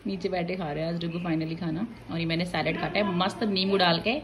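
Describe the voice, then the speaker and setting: A woman's voice: on the low side, steady tone, a little fast, a crowd in the background. A young woman, chatting casually and teasingly in a family vlog filmed on a phone. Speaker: vlogger. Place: home, indoors and on a rooftop.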